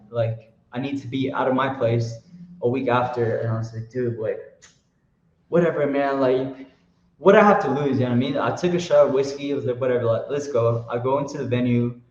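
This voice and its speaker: A man telling a personal story in a casual interview, animated and slangy, with lots of fillers. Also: medium pitch, brisk. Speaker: guest artist. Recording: roomy, dull lo-fi sound.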